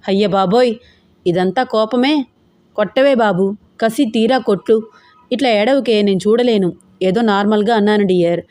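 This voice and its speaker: A playful young husband who coaxes and teases his wife, bossy one moment and sweet the next, as a woman narrator puts him on. The voice sits at a middle pitch and close and dry, as in a storybook audio drama. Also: moderate pace, pauses often, darkish tone, dry recording, close to an everyday voice. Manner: cajoling, teasing.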